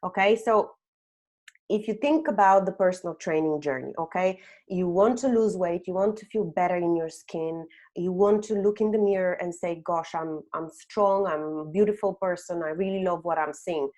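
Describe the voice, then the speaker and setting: A woman in her thirties who grew up in Bulgaria presents an HR webinar over slides, speaking at normal speed. Her voice leans low and slightly mellow, and she often adds "um" and a questioning "okay?".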